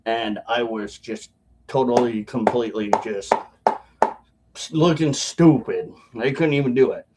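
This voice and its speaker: A man vlogging casually to his viewers in a halting, rambling way, talking with chewing tobacco packed in his lip. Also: medium pitch, heavy background noise. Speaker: video blogger.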